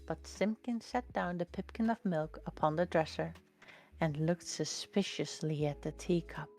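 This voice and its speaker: A woman reading a children's storybook aloud in a slow, gentle, expressive way. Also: low voice, soft background music.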